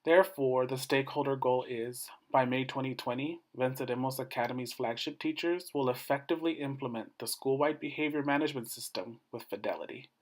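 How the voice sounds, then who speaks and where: A man presents research in a formal, scripted academic style, like a doctoral student at a defense. His voice sits at an average male pitch, and he moves through his points in measured, short phrases.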